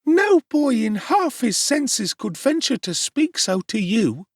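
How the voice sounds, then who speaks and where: A man voicing a shrill, indignant middle-aged woman, the undertaker's wife, who exclaims loudly. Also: big pitch swings, slow pace, no echo, studio quality, full character voice.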